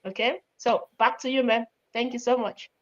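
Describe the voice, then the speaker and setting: A woman's voice: fairly high pitch, steady tone, normal speed, highs cut off. A woman from Benin City, Nigeria, a guest on a live online panel, speaking in a courteous, formal way.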